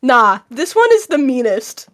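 A woman's voice: sits high, sing-song, measured pace. A teenage girl co-hosting a casual podcast, chatty and laughing, full of fillers. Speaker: podcast co-host. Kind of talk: casual chat.

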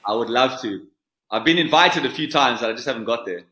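A man with a South African accent, a surf coach being interviewed, talking in an animated, emphatic way and repeating phrases for effect. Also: mid-range voice, fairly quick, roomy sound. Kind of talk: podcast interview.

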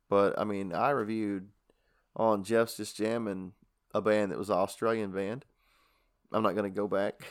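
A man co-hosting a casual album review chat, hesitant and full of restarts as he talks through his thoughts. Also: on the low side. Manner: hesitant, many restarts and fillers. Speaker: podcast co-host reviewing albums.

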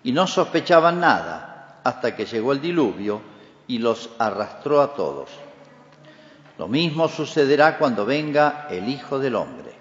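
A male priest reading the Gospel and preaching a homily in a measured liturgical cadence with emphatic rises, his voice ringing with long church reverb. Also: mid-range voice, sing-song, lo-fi sound. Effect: long cathedral-like church reverb. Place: large church.

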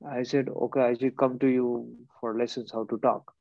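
A man's voice: mid-range voice, flat delivery, normal speed, gravelly, no room sound. Blunt man telling a story, laughing. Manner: blunt, laughing, acts out both sides of an argument. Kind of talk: casual storytelling. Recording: dull lo-fi close recording.

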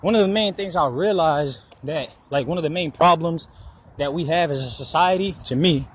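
With traffic going by, a twenty-something man walks along a road and rambles for his podcast, cursing without restraint. He speaks at a normal speed in a husky voice on the high side, keeping it casual and personal.

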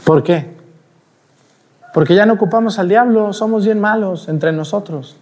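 Priest preaching at mass, slightly high voice, animated, keeps asking the crowd questions. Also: male voice, unhurried. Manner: animated, asks the congregation rhetorical questions. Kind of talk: sermon at mass.

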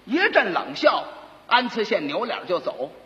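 High-voiced Beijing-accented storyteller. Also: male voice, a little slow. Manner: lively, punchy, chuckling. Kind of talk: traditional storytelling narration. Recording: dull lo-fi recording with long reverb.

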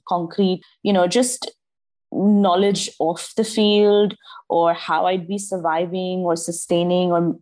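A young woman from Dubai speaks as an artist guest on a podcast. Her voice sits a little low, and she talks with eager enthusiasm, often pausing on ums and restarting her sentences. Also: a little mellow. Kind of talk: casual interview chat.

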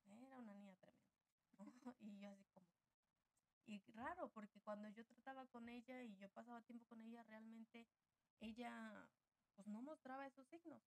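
A woman's voice: on the high side, steady tone, moderate pace, no echo, poor audio. A woman, a church member and interview guest, reflectively telling a personal story and often closing phrases with a questioning tag.

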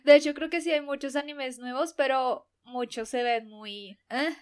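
Higher-pitched young woman, casual chat. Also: fairly even intonation, normal speed, smooth. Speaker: podcast co-host. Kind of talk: casual chat about anime.

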